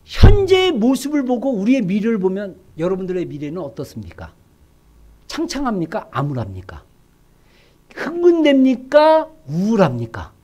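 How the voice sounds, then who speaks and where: A pastor giving a sermon in a church, animated and asking the congregation rhetorical questions. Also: medium pitch, brisk.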